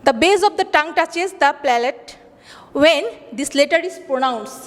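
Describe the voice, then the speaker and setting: A woman teacher giving a lesson, explaining slowly in English, then repeating faster in Bengali and asking questions she answers herself. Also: high-pitched. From Bangladesh. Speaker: school teacher. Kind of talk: classroom lesson. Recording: long hall reverb.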